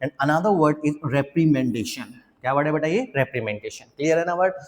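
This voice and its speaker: A young adult man with an Indian English accent and a fairly high voice teaches vocabulary, addressing his students fondly and having them repeat each word. He slows down deliberately for English example sentences. His voice rings with the long reverb of a large hall. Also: animated. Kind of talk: classroom vocabulary lesson.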